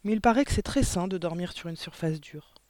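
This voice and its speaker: A man reading a storybook aloud, voicing a gentle, timid young woman schoolteacher who speaks softly and earnestly. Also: sits high, brisk, no echo, lightly acted.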